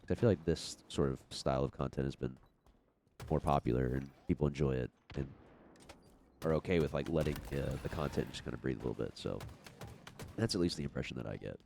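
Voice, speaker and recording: A man's voice: rumbling low, a little fast, vocal fry, darkish tone, soft background music. A young man with a stuffy, congested voice, rambling through an unedited podcast-style chat about his gaming channel. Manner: rambling, many fillers and restarts. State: congested from a cold.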